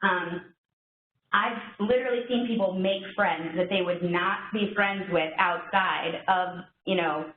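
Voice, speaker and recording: A woman's voice: fairly low pitch, fairly even intonation, measured pace, faint music behind. A woman presenting a workplace program to staff in a meeting room, upbeat and chatty, joking about herself. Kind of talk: informational session presentation. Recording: echoey room, phone-like lo-fi sound, faint noise.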